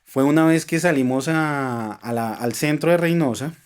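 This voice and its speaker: A man from Colombia with a Colombian accent, a podcast guest earnestly telling a personal story and dropping to a soft voice at tense moments. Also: fairly high pitch, moderate pace, clean tone. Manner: earnest, emotional, speaks of faith, drops to soft tones at tense moments.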